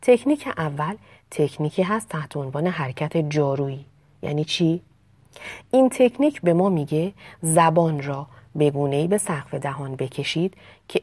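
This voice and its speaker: Low-voiced woman teaching diction. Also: no room sound. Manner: recites poetry slowly and expressively, drills sounds with exaggeration; calm explanatory teaching, addresses listeners politely. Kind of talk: pronunciation lesson with poetry recitation.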